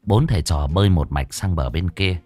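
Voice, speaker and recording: A man narrating a ghost story in a vivid, animated way. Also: low-pitched, normal speed, faint music behind.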